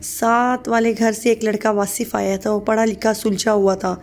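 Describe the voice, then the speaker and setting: A woman's voice: mid-range voice, little pitch movement, darkish tone. A woman reading a sad story aloud as scripted narration, voicing every part in one plain voice.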